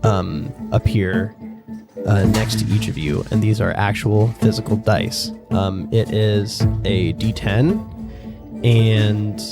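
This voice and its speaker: A man improvising tabletop game narration as game master, haltingly searching for his words. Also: lowish voice, fairly even intonation. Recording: loud plucked guitar music behind.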